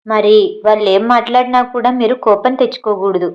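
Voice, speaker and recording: A teasing young man who talks with a sarcastic, bantering edge, as a woman narrator puts him on. He frets and jokes in turn, in a voice on the higher side. The recording is dull and lo-fi. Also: fairly even intonation, brisk, lightly acted. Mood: earnest. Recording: dull lo-fi audio.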